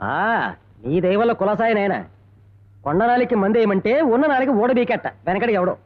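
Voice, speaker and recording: A fretful old schoolmaster rattles off complaints in a very high, very fast voice. It comes from an old film comedy with a dull, lo-fi sound. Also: male voice, expressive. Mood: indignant. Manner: complaining, theatrical exaggeration. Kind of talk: 1980s film comedy dialogue.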